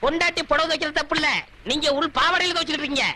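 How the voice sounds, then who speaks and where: A man's voice: very high-pitched, steady tone, racing, sharp tone, a little hiss or hum, full character voice. An actor playing a whiny, pleading hapless man in comedic film dialogue. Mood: cheeky. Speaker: comic film character.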